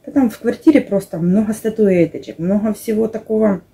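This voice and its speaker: Middle-aged woman, mellow tone, medium pitch, casual friendly chat, playful storytelling. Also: a little fast, vocal fry. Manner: playful storytelling with sound effects and made-up words. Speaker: vlog co-host, works as a house cleaner. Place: small wood-panelled living room, indoors. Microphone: camera across the table.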